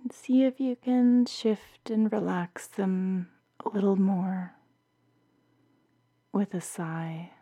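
A woman guiding a bedtime meditation in a soft, soothing, half-whispered voice, like a sleep story narrator. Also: medium pitch, steady tone, takes it slowly, pauses often. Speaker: meditation guide.

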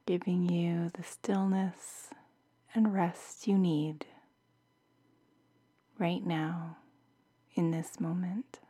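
A woman with a lowish, very mellow voice narrates a bedtime sleep meditation. She speaks very slowly and softly, often slipping into a breathy near-whisper, in the soothing manner of a sleep story narrator. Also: flat delivery. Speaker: meditation guide.

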